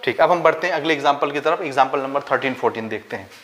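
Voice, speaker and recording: Delivering a board-style maths lesson, a male teacher with a Chhattisgarh Hindi accent explains each step, slips English maths terms into his Hindi, and answers the questions he asks the class. He speaks very fast in a mid-range, slightly bright voice.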